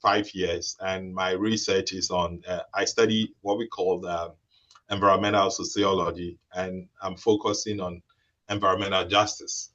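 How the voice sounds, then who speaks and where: A young man from Ghana, a researcher, speaking haltingly with many restarts on a video call. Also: low voice, flat delivery, pushed and bright, lo-fi sound. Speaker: researcher and webinar participant. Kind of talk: explaining a role-play and introducing himself.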